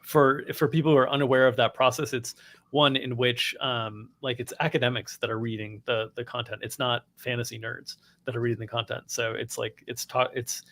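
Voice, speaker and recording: A man's voice: medium pitch, level tone, brisk, a bit bright. A man hosting a live sports betting stream, upbeat and practiced as he reads sponsor plugs. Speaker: host.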